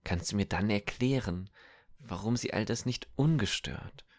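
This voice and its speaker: A gentle, earnest teenage boy, the thoughtful older brother of a storybook tale, as a man reads him. The voice sits very low and unhurried, with a gravelly edge.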